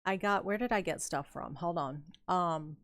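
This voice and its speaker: A woman's voice: on the low side, moderate pace, fairly bright tone. An older woman streamer chatting casually and telling a rambling story while she plays a game, laughing often. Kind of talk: casual chat while playing.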